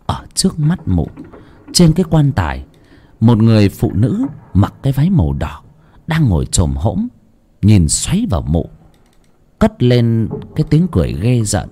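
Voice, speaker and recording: Husky man telling a ghost story. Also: on the low side, wildly swooping pitch, normal speed, warm tone. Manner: dramatic, suspenseful storytelling. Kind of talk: village ghost story narration.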